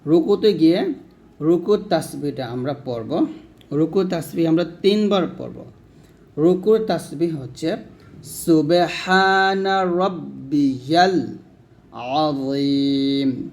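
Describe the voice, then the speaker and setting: Slow-reciting male prayer teacher. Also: on the high side, expressive, mellow. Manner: slow drawn-out recitation alternating with quick explanations. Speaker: religious teacher.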